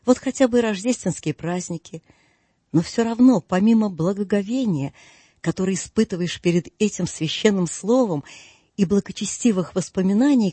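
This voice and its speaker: A man reading an audiobook voices a cheerful, earnest young man who talks warmly and pleads kindly. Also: high voice, slightly rough, no room sound. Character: cheerful young man, warm-hearted nephew.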